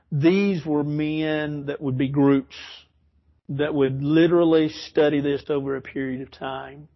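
Dull audio captures a man whose voice is on the high side as he leads an informal Bible lesson in a church classroom. His explanations ramble and self-correct, punctuated by frequent chuckles.

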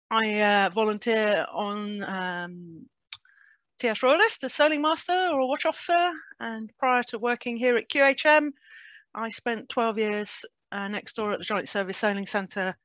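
A woman's voice: on the high side, fairly bright tone, no room sound. A woman with a British English accent giving an informal slide presentation over a video call. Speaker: presenter, port safety officer's assistant. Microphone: video call microphone. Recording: dull, dry webinar audio.

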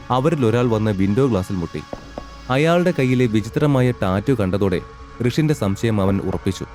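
A man's voice: fairly low pitch, dark tone. Man narrating an audio drama.

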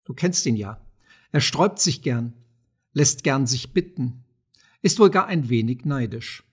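A man's voice: medium pitch, lively intonation, measured pace, breathy edge. A man reading an audiobook of a play, voicing a sultan's clever sister who sounds coaxing and urgent, with no change from his own voice. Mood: soothing.

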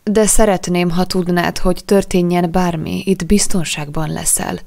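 A woman reading a calm, protective young man. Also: lowish voice, vocal fry. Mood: earnest. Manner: steady, reassuring delivery. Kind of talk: audiobook character reading.

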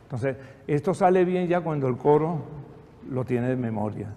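A man's voice: medium pitch, lively intonation, moderate pace, mellow. An older man directing a choir rehearsal, giving patient, encouraging instructions with a touch of dry humor. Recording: echoey hall, faint background noise.

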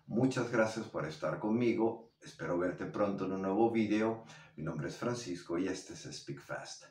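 A man teaching English pronunciation to Spanish speakers, drilling words by repetition in an animated way. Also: low voice, normal speed. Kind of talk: language lesson. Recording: roomy echo, somewhat far from mic.

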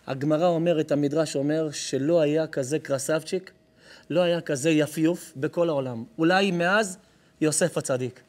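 High-voiced man preaching a sermon. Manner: emphatic, addresses listeners directly and affectionately. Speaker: rabbi. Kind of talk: live sermon with storytelling. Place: live lesson before an audience.

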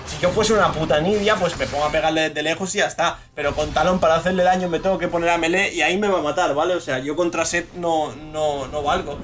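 A man's voice: fairly high pitch, fast talker, hardly any pauses, soft background music. A young man from Spain giving casual live commentary while playing a game, swearing and venting about teammates. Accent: Spain Spanish. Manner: excitable, swears, frustrated rants at teammates. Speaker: gaming streamer.

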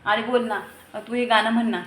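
A woman's voice: on the high side, fairly even intonation, normal speed, heavy background noise. Chatty young mother vlogging at home. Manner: chatty, scolding her kids between asides. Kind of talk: casual family vlog chat to viewers. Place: home with a gallery.

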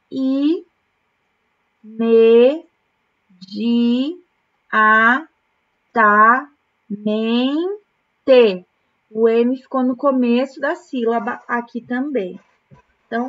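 A woman from Brazil, a primary school teacher, correcting exercises in a remote lesson, explaining words slowly, syllable by syllable. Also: sits high, lo-fi sound. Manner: slow, patient, syllable-by-syllable explanation.

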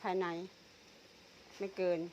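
A slow, slightly mellow woman's voice comes through dull audio with a little hiss or hum. She's a vlogger with an Isan (Tai Yo) accent from northeastern Thailand, eating while she chats casually and teasingly, laughing frequently.

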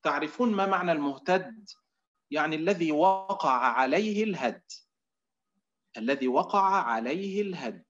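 A man teaching Quran recitation in an online lecture. He explains as he goes, gives drawn-out demonstration readings and fills his pauses with a filler word. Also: on the high side, lively intonation, fairly bright tone, highs cut off. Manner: often fills pauses with Egyptian "إيه".

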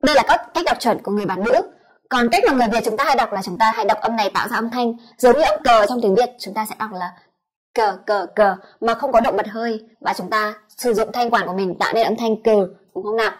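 Woman teacher, Vietnamese accent, somewhat high voice, spells out sounds one by one in a clear lesson. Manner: demonstrates sounds slowly, repeating each one. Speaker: English pronunciation teacher. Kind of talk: explanatory lesson.

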